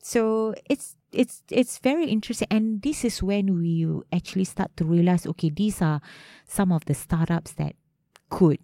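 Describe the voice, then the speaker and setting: Malaysian female interviewee, Manglish with Malay particles, informal, dark warm tone, dry sound. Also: mid-range voice, normal speed, dry recording. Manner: Manglish, mixing Malay words and particles into English; informal, frequent "you know". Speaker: interview guest, head of a startup agency. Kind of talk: conversational interview answers.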